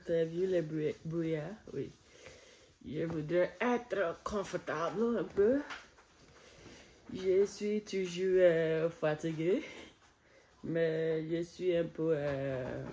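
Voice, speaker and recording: A woman with an English accent and English as her first language talks slowly in a casual daily vlog. She hesitates and pauses often as she searches for words, filmed on a phone outdoors with a faint outdoor ambience behind her. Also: low-pitched, darkish tone, slight background noise. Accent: English-speaking. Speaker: vlogger learning French. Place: outdoors on a foggy day.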